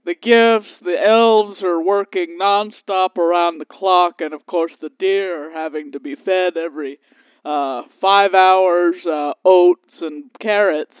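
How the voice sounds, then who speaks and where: A woman's voice: on the low side, slow, dry recording. A woman voicing a jolly, crude old Santa Claus who rambles cheerfully and obliviously, calling in by phone to a comedy podcast. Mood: jolly, rambling. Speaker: comedy guest. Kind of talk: improvised comedy podcast bit. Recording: tinny phone line, dry.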